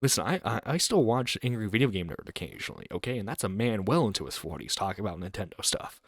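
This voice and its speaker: A man's voice: lowish voice, sing-song, fast, no echo, clean studio sound. A man in his twenties hosting a casual internet radio stream, rambling and joking. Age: 20s. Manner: rambling, joking, mocking impressions.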